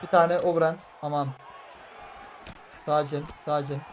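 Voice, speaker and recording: A young man commentating live as he plays a fighting game, frustrated and excitable, muttering one moment and shouting the next. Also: a little high, unhurried. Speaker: gaming streamer. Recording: faint crowd and game noise behind.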